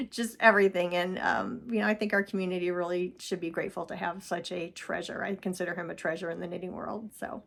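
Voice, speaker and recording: Her voice lowish and flat, brisk with vocal fry, this woman hosts a knitting vlog from home. As a knitting podcast host she talks casually about her shawls and projects, with frequent laughter and fillers.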